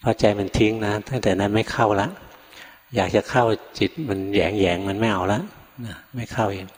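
An older male monk giving a Dharma talk, telling a story in a relaxed way, acting out quoted lines and chuckling now and then. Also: fairly low pitch, brisk. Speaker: Buddhist monk teacher. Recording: long reverb from a hall.

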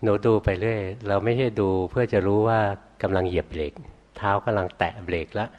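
An older man, a Buddhist monk, teaching meditation calmly and answering students' questions. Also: on the low side, highs cut off. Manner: calm, unhurried, ends phrases with a soft particle; hard of hearing.

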